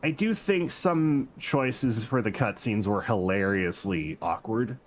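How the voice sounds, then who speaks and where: A man's voice: lowish voice, expressive, takes it slowly. A man streaming a game, chatting casually and correcting himself as he rambles. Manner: rambling, self-deprecating, corrects himself mid-sentence.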